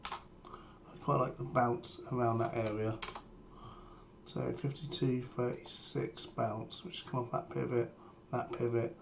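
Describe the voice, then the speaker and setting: Man with a sore, swollen-throat voice, even-toned. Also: mid-range voice, takes it slowly, vocal fry. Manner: matter-of-fact, brief. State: sore throat, strained under-the-weather voice. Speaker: trader sharing a premarket plan. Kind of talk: live market commentary. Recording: steady background noise, keyboard typing.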